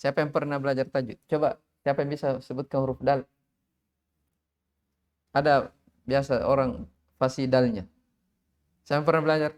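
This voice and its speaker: A man teaching tajwid in a live online class, drilling Arabic syllables slowly and calling on students to recite. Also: mid-range voice, fairly even intonation, a little mellow, dull audio. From Indonesia.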